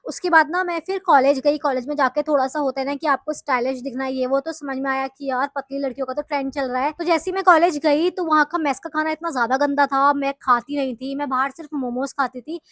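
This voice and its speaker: A young woman vlogger from the hills of Uttarakhand in northern India tells viewers her story in a chatty, confessional way, speaking casually to camera. Her high voice holds a steady tone, moves at a quick pace with hardly any pauses, and sounds fairly bright. The recording is clean studio sound with no room sound.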